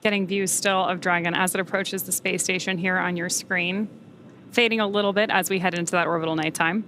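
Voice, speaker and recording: A woman's voice: lowish voice, fairly even intonation, a little fast, fairly bright tone, a little hiss or hum. A woman giving live space mission commentary in polished, formal, descriptive phrasing.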